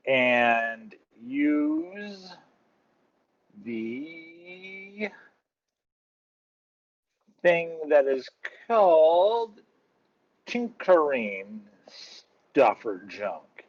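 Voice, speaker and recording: A man playing a tabletop game, thinking aloud and checking the rules mid-sentence. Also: on the high side. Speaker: player. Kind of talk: casual tabletop game chat. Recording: slightly dull lo-fi sound.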